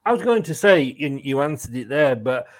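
An Englishman hosting a conversational interview with a former footballer asks long, rambling, friendly questions, chatty and sprinkled with light laughs. His voice is mid-range at normal speed, with big swings in pitch.

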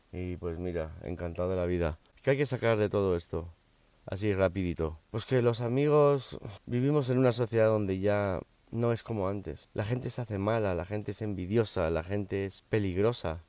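Middle-aged male podcast host, Spanish with a light American accent, English-first speaker; low voice, dry close sound, frank confessional storytelling. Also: dark tone, no room sound. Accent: slightly off Spanish, American-influenced. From Spain, raised in Miami. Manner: frank, conversational, with emphatic repetitions. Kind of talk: personal storytelling monologue.

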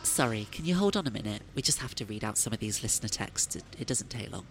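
An animated voice with faint noise behind it , acted by a woman. She is a polite, gushing female radio presenter in a comedy parody, sweeping up and down as she talks. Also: a bass voice, fast, vocal fry, heavily acted. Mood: brisk, polite.

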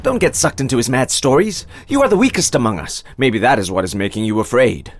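A man voicing a cocky young villager, the fastest runner, who mocks the old man. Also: medium pitch, sing-song, a little hiss or hum, natural voice. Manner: cocky, mocking. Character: fast-running young man, cocky and mocking.

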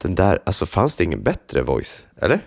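Teasing low-voiced man chatting. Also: huge pitch swings, vocal fry, dry recording, studio quality. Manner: teasing, joking, with stammered restarts. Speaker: podcast co-host. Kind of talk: casual chat.

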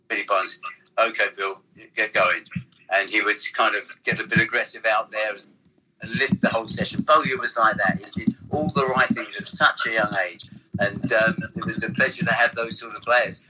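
A man reminiscing about old football seasons in a casual, halting chat, often restarting his sentences. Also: on the low side, noisy background. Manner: rambling, halting storyteller with restarts. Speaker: former football club figure, guest.

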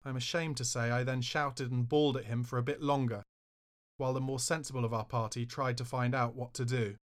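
A man with a mid-range, fairly monotone voice narrates his own memoir audiobook a little fast. His tone is wry and self-mocking, and he bursts out loudly whenever he quotes himself.

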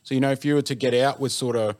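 A man with an Australian accent hosts a casual interview. His voice sits at an average pitch, and he phrases questions and opinions in a measured, slightly hesitant way. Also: steady tone, darkish tone. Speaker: podcast host.

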